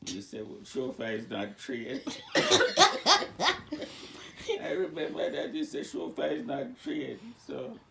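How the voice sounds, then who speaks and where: A man in his nineties with a Jamaican accent, slowly and haltingly telling his life story, searching for words. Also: medium pitch, lively intonation, creaky, heavy background noise. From born in Cuba, raised in Jamaica. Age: 90s. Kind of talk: casual interview.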